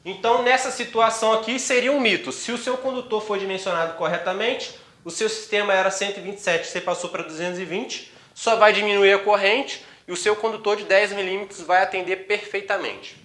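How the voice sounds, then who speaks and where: A Brazilian-accented man explains things to his viewers in a casual video lesson. His voice sits high and sounds sharp and bright, and he talks in a chatty way with many fillers and restarts. The recording has an echoey room sound. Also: fairly quick. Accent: Brazilian Portuguese.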